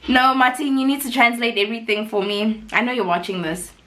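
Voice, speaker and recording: A young South African woman vlogging in a casual, chatty way, full of "like" and quick laughs, her voice rough from being sick. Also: on the high side, steady tone, sharp tone. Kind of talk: casual chat to camera.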